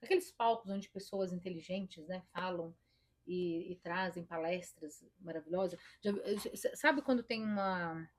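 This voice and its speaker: Speaking straight to the viewer, a female therapist with a Brazilian Portuguese accent gives emphatic, demonstrative advice in a lowish voice at a measured pace. She quotes her own inner voice as she talks.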